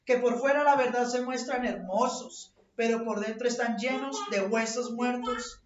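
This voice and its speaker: A high-voiced woman preacher delivers a fervent sermon, her voice climbing to shouts when she quotes scripture. She sounds distant from the mic, caught in a roomy, echoey church with a dull, lo-fi sound. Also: normal speed, slight background noise. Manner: impassioned, rising to shouts when quoting scripture.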